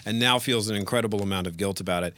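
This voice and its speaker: A man chatting on a podcast with a fairly low voice. He tells stories with flair, leaping up in pitch when acting out what people said. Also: racing. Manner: animated storyteller, acts out quotes with big pitch jumps. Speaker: podcast co-host and audiobook narrator. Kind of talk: casual chat.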